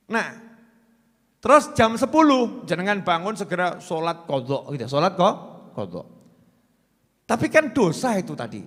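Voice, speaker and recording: A man with a Javanese accent preaching in a lively, joking way, switching between loud emphasis and quiet asides. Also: sits high, long reverb tail. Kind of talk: sermon.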